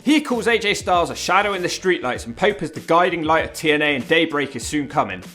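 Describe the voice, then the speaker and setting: A man narrates a countdown video with a bright, fairly high voice and very lively intonation. He is wry and informal, with music playing underneath. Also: quick pace. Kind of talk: scripted video narration commentary. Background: background music.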